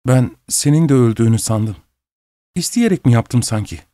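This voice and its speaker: A man reading an audiobook, voicing a young sailor who speaks in hushed, stunned tones. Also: mid-range voice, expressive, moderate pace, no echo, clean studio sound, natural voice. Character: young sailor, shaken and grieving.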